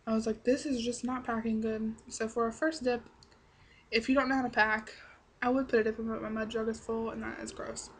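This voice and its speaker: A young woman with a fairly high voice talks casually to camera as a reviewer. She rambles bluntly and swears freely. The recording has some background noise with small clicks. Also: level tone, brisk. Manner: blunt, salty-tongued, rambling. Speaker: product reviewer.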